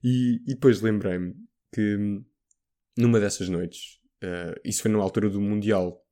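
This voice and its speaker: A young man with a fairly low voice tells a story in a casual chat. He is lively and jumps into other people's voices, with plenty of everyday fillers along the way. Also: measured pace.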